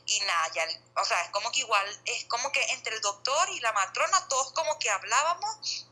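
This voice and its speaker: A woman's voice: a little high, expressive, normal speed, sharp tone, slightly rough, rough recording. A woman telling her story in casual conversation, rambling along with many fillers and restarts. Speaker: guest sharing birth story.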